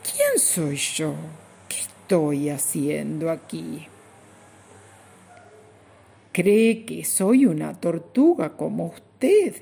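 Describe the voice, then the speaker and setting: Woman voicing a stuttering little storybook bug, lost and fretful, husky edge. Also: low-pitched, big pitch swings, drawn-out words, pauses often, warm tone, heavily acted. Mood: hopeful. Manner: stuttering, plaintive questioning. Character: small lost bug creature, anxious and bewildered.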